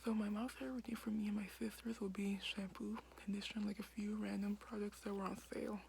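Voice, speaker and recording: A young woman vlogging in a hushed whisper late at night in a basement, filling her talk with "like" and "um". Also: medium pitch, level tone, quick pace, gravelly, a little hiss or hum. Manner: whispering quietly, many fillers like "like". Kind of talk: casual whispered vlog.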